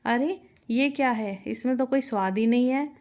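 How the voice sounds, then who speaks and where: A woman's voice: on the high side, normal speed, darkish tone, lightly acted. A woman voicing an angry middle-aged male customer who scolds about bland food. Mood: scolding. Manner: scolding, indignant.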